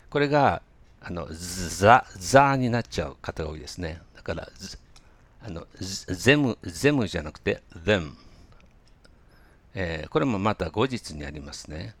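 A man gives a relaxed pronunciation lesson in a very deep voice full of vocal fry. He hesitates often with fillers, then slows right down to model phrases for listeners to repeat. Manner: hesitant, many fillers, slow drilled demonstrations. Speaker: English pronunciation teacher.

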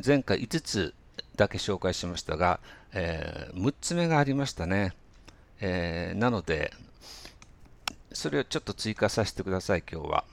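A man teaching English pronunciation in a relaxed spoken lesson, pausing often with fillers and slowly demonstrating phrases for listeners to repeat. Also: sits low. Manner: hesitant, many fillers, slow drilled demonstrations.

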